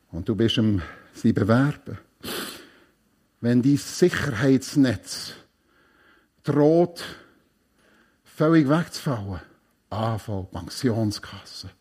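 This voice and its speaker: Slow emphatic preacher man. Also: mid-range voice, breathy edge. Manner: emphatic, swings from hushed to loud, repeats key phrases. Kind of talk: sermon.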